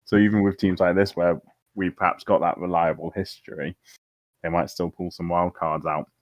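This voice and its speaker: A man's voice: low voice, level tone, normal speed, no room sound. A man co-casting an esports match, chatty and speculative. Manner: chatty, laughs easily, speculative. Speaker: esports co-caster. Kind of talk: casual esports commentary.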